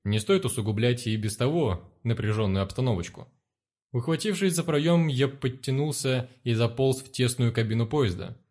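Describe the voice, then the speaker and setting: A man's voice: medium pitch, expressive, moderate pace, darkish tone. A man narrating a first-person story in a crude, profane, sardonic manner.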